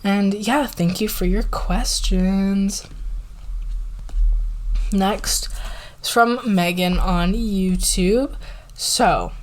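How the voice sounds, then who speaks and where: An eighteen-year-old woman chatting casually as an ASMR creator answering viewer questions, soft-spoken and relaxed, filling her sentences with "like" and sometimes slipping into a whisper. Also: medium pitch, drawn-out words, pauses often. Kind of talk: casual Q&A chat.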